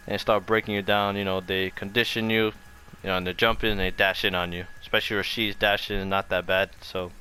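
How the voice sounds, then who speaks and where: Over background music, a man loosely talks through a casual fighting game tutorial, doubling back to points he has already made. His voice is lowish with a sharp tone, and the recording is rough with slight background noise.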